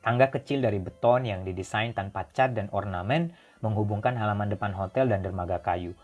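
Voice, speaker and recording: This is a man narrating a story in a calm, steady reading voice. His voice sits fairly low. A faint musical bed runs under the narration. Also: a little fast, lo-fi sound, soft background music. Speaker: audiobook narrator. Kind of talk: scripted narration.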